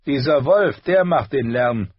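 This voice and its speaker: A man's voice: mid-range voice, lively intonation, a little slow, husky, dry recording, pitched above the performer's own voice. A man voicing a cruel, spoiled boy prince who whines and sulks, in a storybook reading on a dull dry recording. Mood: cruel gleeful. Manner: whiny, petulant.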